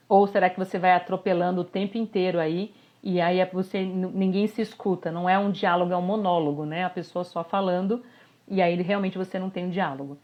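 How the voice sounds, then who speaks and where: A woman, a communication coach giving a live online workshop, animated and constantly checking in with her listeners. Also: medium pitch. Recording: slightly dull lo-fi audio.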